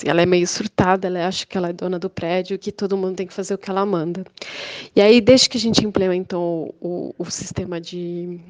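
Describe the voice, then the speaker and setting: A woman's voice: medium pitch, no room sound. A young woman, a building manager, telling a story casually and acting out each quote. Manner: animated, acts out the quotes.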